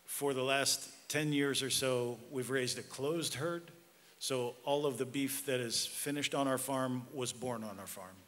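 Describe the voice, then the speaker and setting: A man's voice: medium pitch, fairly bright tone. American man presenting in an echoey hall. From Pennsylvania, United States. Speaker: guest speaker, regenerative livestock farmer. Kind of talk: informal conference presentation. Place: large reverberant hall. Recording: echoey hall with background noise.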